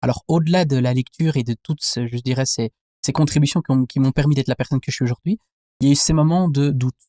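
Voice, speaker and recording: A Belgian anthropologist in his 20s, a guest in a conversational interview, reflects thoughtfully and searchingly, rephrasing his ideas as he goes. His medium-pitched voice is dark-toned and fast, recorded dry with clean studio sound.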